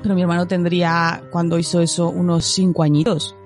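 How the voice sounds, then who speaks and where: A woman's voice: fairly low pitch, little pitch movement, fairly quick, faint music behind. A woman co-hosting a podcast who chats casually, acts out scenes in her stories and laughs often. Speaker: podcast co-host. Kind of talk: casual chat, storytelling.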